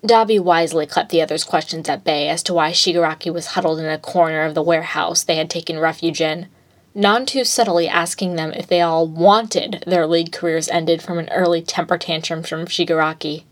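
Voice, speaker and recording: Woman reading fanfic out loud, kinda low voice, steady and plain. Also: brisk. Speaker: narrator. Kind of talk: reading fan fiction aloud.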